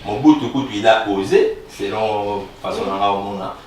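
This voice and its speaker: Man talking haltingly in an echoey room. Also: fairly low pitch. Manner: halting, many fillers and restarts. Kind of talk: casual conversation. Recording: echoey room from far off with faint noise.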